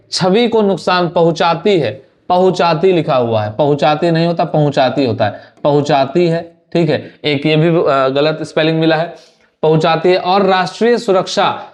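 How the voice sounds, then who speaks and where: An exam prep teacher, a young man whose voice sits slightly high, goes through a student's answer sheet in a Hindi lesson. His Hindi is loose and conversational, with frequent word repetition and English phrases mixed in.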